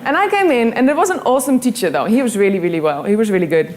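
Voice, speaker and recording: This young woman races through her motivational speech in an expressive, slightly high voice, with a little hiss or hum audible. She is from the Netherlands, speaks with a Dutch accent, and earnestly tells a story to her audience, repeating her own thoughts aloud.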